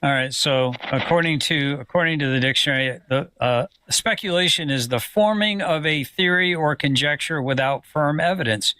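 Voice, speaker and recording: Male debater, hostile and profane, sharp high voice, dry close recording. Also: normal speed, hardly any pauses, clear, resonant tone, dry recording. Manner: angry, profane, insulting. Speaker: online commentator in a debate. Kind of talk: heated online argument.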